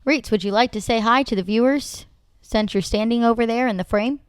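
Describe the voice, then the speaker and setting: A woman's voice: on the high side, a little fast, clean tone, dry recording. A young woman hosting a casual chat with her father, teasing him and laughing often. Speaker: podcast host interviewing her father.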